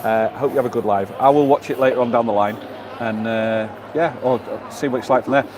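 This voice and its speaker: Fast-talking man hosting a live stream. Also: medium pitch, background noise. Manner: chatty, reads viewer comments aloud. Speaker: vlogger and live-stream host. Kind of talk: casual live-stream chat. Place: outdoors in a seaside town, then a lounge bar.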